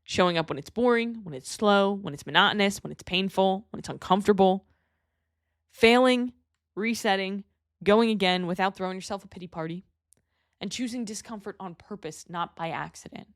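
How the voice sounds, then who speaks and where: A woman's voice: mid-range voice, normal speed. Emphatic woman hosting a motivational podcast. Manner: emphatic, blunt, swears freely. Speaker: podcast host and fitness coach.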